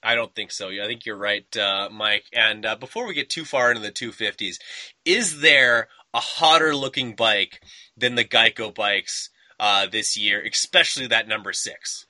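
A man's voice: fairly low pitch, normal speed, bright, forceful tone, dry recording. A young man hosting a casual motocross radio chat, rambling with lots of fillers. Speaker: podcast host.

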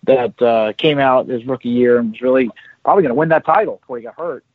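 A man's voice: mid-range voice, fast, dry recording. A man co-hosting a casual radio chat, earnest and thoughtful. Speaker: co-host. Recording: dry tinny phone line.

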